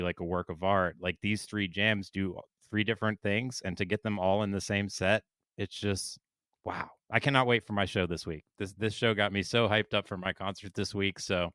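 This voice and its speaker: Guy cohosting a podcast, lowish smooth voice, upbeat, trips over words a bit. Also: fairly bright tone, dry recording. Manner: upbeat, with small stumbles and repeats. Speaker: podcast co-host. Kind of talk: casual chat.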